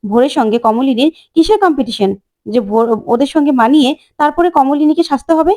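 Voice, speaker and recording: A firm, protective uncle who insists and snaps, as a woman puts him on. The pitch stays on the high side with a mellow, rounded tone. He speaks in a storytelling recap. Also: fast talker, close to an everyday voice. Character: protective middle-aged uncle, quick to anger.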